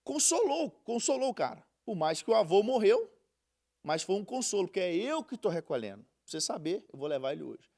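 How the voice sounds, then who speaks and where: A man with a high, gravelly voice teaches a Bible lesson. He talks in a casual, conversational way, slows down to read scripture and tells stories. His pitch swings widely from line to line. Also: very animated, a little mellow. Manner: conversational, tells anecdotes, reads scripture slowly.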